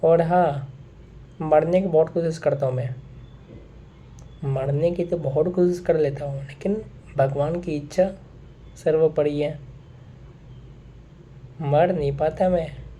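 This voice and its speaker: A man's voice: a little high, warm tone, slight background noise. A young man talking straight to his viewers in a casual monologue, earnest and repeating his points, with English phrases mixed in. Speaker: vlogger.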